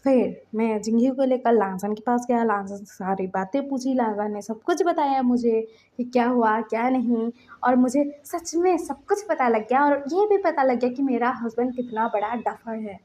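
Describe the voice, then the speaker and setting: High-voiced woman telling a fan story. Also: moderate pace, warm tone. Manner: retells story lines in quoted dialogue. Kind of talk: casual storytelling with voiced dialogue.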